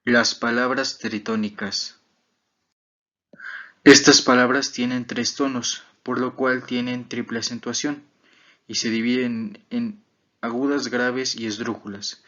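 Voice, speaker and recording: A man, a student, explaining examples in a class presentation, slow and deliberate, with fillers. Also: medium pitch, fairly even intonation, a bit bright, muffled recording.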